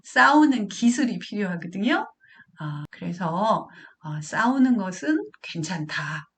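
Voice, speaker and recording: A woman's voice: mid-range voice, very animated, a little slow. A middle-aged woman lecturing parents as a counselor. She asks questions and answers them herself. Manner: acts out quotes of parent and child in a raised voice.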